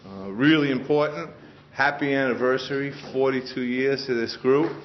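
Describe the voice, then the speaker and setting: A middle-aged man speaks earnestly to a gathered group, his voice sitting at an everyday middle pitch. He stumbles and restarts as he shares his story from the heart. The recording is dull and lo-fi. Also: moderate pace, a little hiss or hum. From Queens, New York. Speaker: speaker sharing his story at a recovery meeting. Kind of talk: personal testimony to a group. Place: meeting room in front of a group. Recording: dull lo-fi sound.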